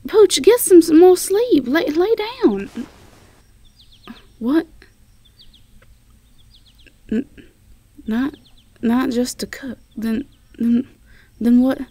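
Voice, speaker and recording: In an intimate roleplay audio drama, a woman plays a sweet, flustered Southern belle girlfriend, using a Southern US accent and an affectionate, stammering delivery in a full character voice. She sounds surprised and concerned, her high-pitched, dark-toned voice moving extremely slowly with long pauses.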